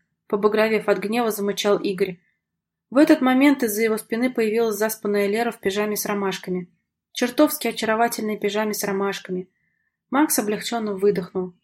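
A woman reading a novel aloud as an audiobook narrator, steady and expressive. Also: mid-range voice, husky. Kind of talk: scripted narration.

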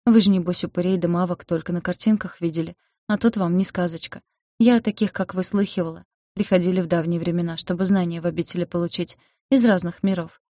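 A woman's voice: lowish voice, fairly even intonation, quick pace, mellow, dry recording, studio quality, close to an everyday voice. Woman voicing a fretful old village healer. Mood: lamenting. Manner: folksy, lamenting, scolding.

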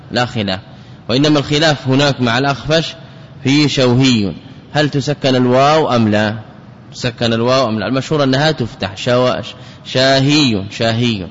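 A man teaching classical Arabic grammar as a scholar, repeating key words and putting questions to his students. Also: mid-range voice. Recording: dull lo-fi recording with long hall reverb.

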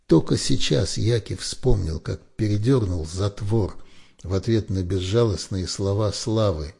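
A man narrating an audiobook in a steady, measured way. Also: fairly low pitch, gravelly, husky. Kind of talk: scripted narration.

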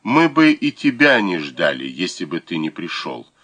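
A man's voice: deep voice, big pitch swings, moderate pace, a bit bright, husky, heavily acted. Hissing spiteful farm wife, read by a man. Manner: hissing, bitter, grudging. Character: spiteful hostile farm housewife, woman. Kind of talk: audiobook character voice.

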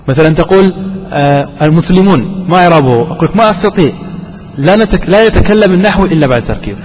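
A man's voice: fairly high pitch, a little hiss or hum. Man teaching grammar in an echoey hall. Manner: asks the class questions and answers them himself. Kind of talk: grammar lesson. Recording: dull recording with long hall reverb.

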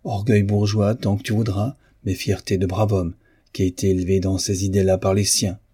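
A man's voice: low voice, little pitch movement, brisk, warm tone, husky. A man reading the part of a proud, honest bourgeois husband, impassioned and pleading, in an audiobook of a novel. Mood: tender, pleading. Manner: impassioned, pleading then commanding.

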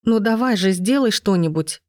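A woman's voice: medium pitch, expressive, moderate pace, a little mellow, no echo, studio quality, natural voice. Woman voicing a terrified, pleading young woman. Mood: panicked. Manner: pleading, panicked.

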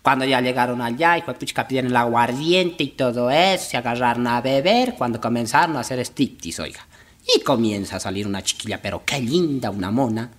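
A middle-aged man with a Nariño Colombian accent telling regional jokes, laughing at his own punchlines and jumping high for quoted voices. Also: brisk. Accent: Nariño Colombian Spanish. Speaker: joke teller.

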